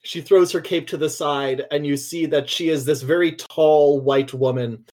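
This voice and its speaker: Guy player, kinda high voice, hams up his character intro. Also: steady tone, moderate pace, a little mellow. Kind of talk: casual tabletop role-play.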